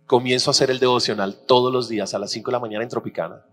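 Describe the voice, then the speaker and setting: A man preaching a sermon as pastor, telling personal stories animatedly and acting out the dialogue with shifting pitch. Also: fairly even intonation, very fast, fairly bright tone. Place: church auditorium. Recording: reverberant church hall with faint hum.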